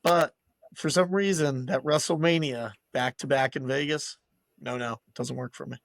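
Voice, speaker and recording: A man's voice: medium pitch, fairly even intonation, moderate pace, gravelly, dry recording. Opinionated male podcast co-host. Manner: opinionated, emphatic hot takes. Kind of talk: casual chat.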